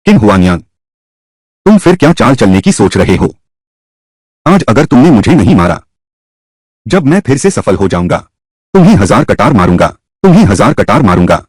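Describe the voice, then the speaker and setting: A man's voice: lowish voice, big pitch swings, moderate pace, pauses often, a little mellow, breathy edge, no room sound. A man dubbing a vengeful young nobleman who makes threats. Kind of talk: Hindi dub of a drama.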